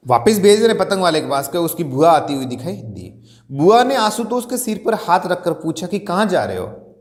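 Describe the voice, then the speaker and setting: A man's voice: a little high, darkish tone, reverberant. A male college teacher reading a Hindi story aloud and explaining it line by line, stopping to ask and answer his own questions. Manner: reads a passage then paraphrases it, asks rhetorical questions.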